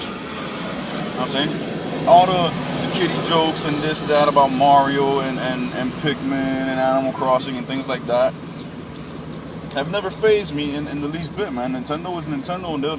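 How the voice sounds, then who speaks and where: A man in his late twenties ranting casually about gaming, calling everyone man and bro, with a lot of fillers. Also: medium pitch. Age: late 20s. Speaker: gaming vlogger. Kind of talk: casual rant to camera. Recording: distant mic with loud traffic and air conditioning. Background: vehicle and urban noise.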